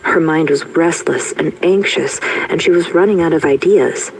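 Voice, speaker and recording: A man narrating an audio story in an even, steady way. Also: on the high side, normal speed, creaky, a little hiss or hum, rough recording.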